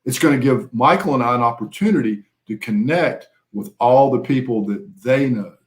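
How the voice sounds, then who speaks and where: A man's voice: medium pitch, moderate pace. A man, a business coach, giving upbeat, earnest motivational talk on a video call and stretching out key words for emphasis.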